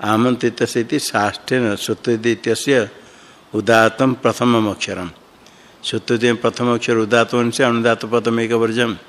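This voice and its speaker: A man teaching Sanskrit grammar in a slow classroom explanation. He thinks aloud, often stopping to repeat and correct himself. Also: medium pitch, flat delivery.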